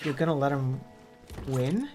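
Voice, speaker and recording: A hoarse man reading a storybook and voicing a brash, smug, foul-mouthed sixteen-year-old girl. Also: medium pitch, expressive, measured pace, mellow, soft background music, natural voice. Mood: smug taunting. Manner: taunting, swaggering. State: hoarse from illness.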